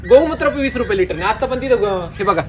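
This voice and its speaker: A young man from Dindori, a farmer, talking in a casual interview and telling lively stories about his customers. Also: high voice, fast talker, crowd noise. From Dindori, Maharashtra. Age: young adult. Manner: lively storyteller, acts out customers' remarks.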